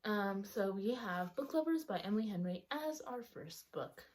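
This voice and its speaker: A young woman with a mid-range, somewhat dark voice chats animatedly at a normal speed in her book vlog, rambling, correcting herself, and saying um a lot. The retainer she wears slightly changes her speech. She seems to be outdoors or beside a sunny window at home.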